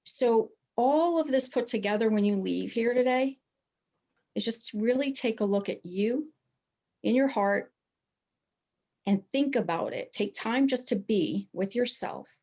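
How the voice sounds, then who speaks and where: A woman's voice: on the high side, a little slow, darkish tone, dull audio. A middle-aged woman coach sharing on a group video call, emotional and earnest as she encourages newer members. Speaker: health coach.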